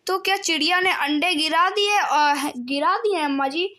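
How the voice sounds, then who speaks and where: A woman's voice: extremely high pitch, measured pace, sharp tone, heavily acted. A woman voicing a curious, timid little girl who asks questions and tells on her brother.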